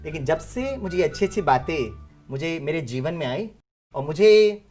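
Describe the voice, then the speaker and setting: Male teacher, animated storyteller for a children's class, wide pitch swings, often chuckling. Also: moderate pace, soft background music. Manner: lively, acts out his own lines with big shifts in tone. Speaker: teacher and guest speaker for children.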